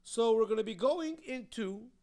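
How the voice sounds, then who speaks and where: A man's voice: very high-pitched, expressive, normal speed, creaky, darkish tone. A man, a rabbi, teaching a Torah class, explaining texts and reading them aloud with strong emphasis.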